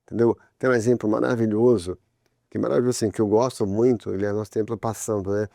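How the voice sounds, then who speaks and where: A Brazilian Portuguese-speaking man hosting a religious family talk program, chatting conversationally and getting animated when he tells examples. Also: on the low side, quick pace, creaky, no echo, clean studio sound.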